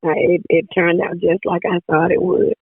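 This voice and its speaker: A woman singer with a hoarse, raspy voice, chatting casually as an interview guest and laughing often. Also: on the low side, little pitch movement, moderate pace, no echo. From Jackson, Tennessee area, US South. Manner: laughs often, repeats herself. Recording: dry phone-like line.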